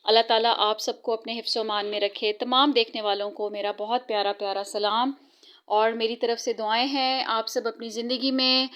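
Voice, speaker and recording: A woman's voice: fairly high pitch, a bit bright, clear, resonant tone, lo-fi sound. A woman in her thirties narrating her family's evening routine in a casual vlog, opening with devout greetings and talking chattily with frequent hesitations. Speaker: vlogger.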